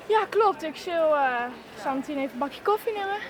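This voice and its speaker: A friendly woman chats on a market street, pausing with fillers as she talks. Her voice is notably high. Traffic and street sounds pass behind her. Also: expressive. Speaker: viewer met at market.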